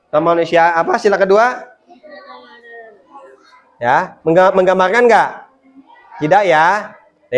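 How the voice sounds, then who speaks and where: A teacher giving a classroom lesson, quizzing the pupils with quick questions and explaining each answer. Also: mid-range voice. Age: adult.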